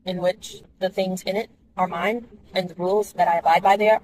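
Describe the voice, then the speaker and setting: A woman's voice: fairly low pitch, normal speed, rough recording. A woman talking candidly to viewers in a casual vlog while driving in the rain. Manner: chatty, candid, animated asides to viewers. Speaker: vlogger.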